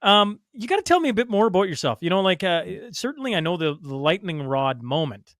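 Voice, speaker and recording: A Canadian man hosting a podcast, asking questions in a halting way full of fillers. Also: sits high, very animated, a bit bright, no room sound, studio quality. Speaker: podcast host. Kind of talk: conversational interview.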